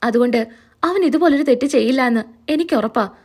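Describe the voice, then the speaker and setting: A woman's voice: high voice, a little fast, darkish tone. A woman reading the lines of an earnest young woman who insists that someone is innocent. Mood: insistent.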